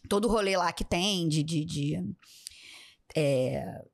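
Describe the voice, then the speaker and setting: A young woman's voice sits on the low side, slow and marked by vocal fry, as she tells a personal story as a podcast guest. The casual interview storytelling is animated, with her acting out the people involved.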